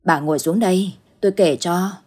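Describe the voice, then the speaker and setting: A woman voicing a frail, gentle elderly grandmother in an audio ghost story, with soft, halting speech and a husky voice. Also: fairly low pitch.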